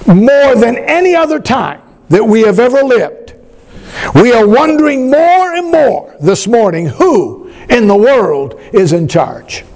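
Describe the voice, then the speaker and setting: Male pastor, high pitched, unhurried, stretches his exclamations and leads call-and-response. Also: sing-song, darkish tone. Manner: preaching, calls congregation to repeat after him; emphatic, drawn-out exclamations. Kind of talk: sermon. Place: church.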